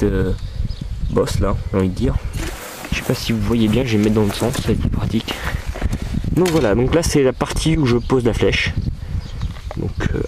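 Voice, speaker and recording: A man casually showing his archery gear to his camcorder at home, hesitating often with fillers. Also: lowish voice. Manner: hesitant, many fillers, talks to camera. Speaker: archery vlogger. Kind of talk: casual equipment demo. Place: outdoors at home. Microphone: camcorder mic. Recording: camcorder recording with background noise.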